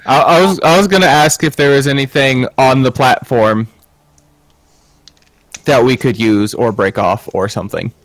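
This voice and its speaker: A man at a tabletop game chats casually, now and then stopping to restart a sentence. His voice sits at an ordinary middle pitch. His mic peaks so hard that the sound clips and breaks up into distortion. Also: normal speed, no echo. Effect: clipping, distorted mic peaking hard. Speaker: player. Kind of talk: playing a tabletop game online.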